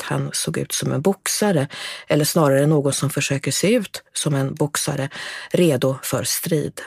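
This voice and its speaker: A narrator giving a measured, scripted reading of a true account, voicing the quoted speakers only lightly. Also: medium pitch, darkish tone, dry recording, clean studio sound.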